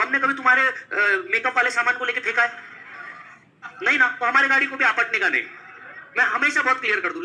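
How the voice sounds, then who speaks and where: A male teacher tells a story to his students with a high, sharply bright voice. He is animated and playful, acting out each line of dialogue as he goes. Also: rough recording. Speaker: exam-prep teacher. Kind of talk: storytelling during a lecture.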